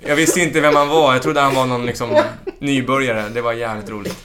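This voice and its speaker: A man in casual chat who tells comedy anecdotes with lively acted-out bits and frequent swearing. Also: mid-range voice, background noise. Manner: animated storyteller, swears freely, acts out jokes.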